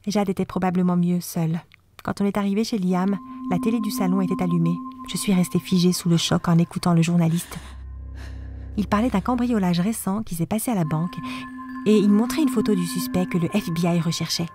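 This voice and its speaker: A woman reading a first-person animated story in a scripted, dramatic way. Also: on the low side, a little fast, music in the background.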